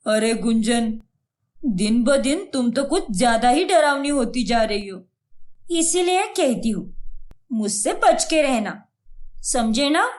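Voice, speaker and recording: A woman's voice: a little high, animated, takes it slowly. A woman voicing a scornful older mother-in-law in a cartoon, who talks in a taunting, mocking way.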